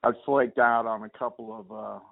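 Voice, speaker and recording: A man's voice: on the low side, fairly even intonation, normal speed, vocal fry. A man, a musician guest, chatting casually and rambling in an interview, often laughing at himself. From Northern California. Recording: tinny phone-like sound.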